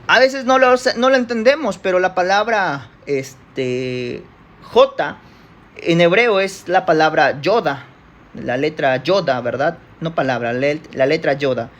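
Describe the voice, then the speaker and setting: A man's voice: on the high side, animated, a little slow, a bit bright, lo-fi sound. A man from Mexico with a Mexican accent, teaching a church Bible study lesson from slides in a conversational way, often checking in with listeners and correcting himself.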